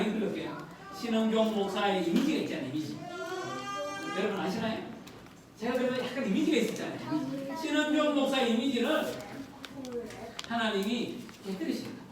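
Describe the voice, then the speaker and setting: A woman pastor delivers an earnest sermon in a high voice, putting questions straight to her congregation. Her voice rings through a very echoey church hall, picked up from a distance. Steady background noise sits under the sound. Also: a little fast. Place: church sanctuary.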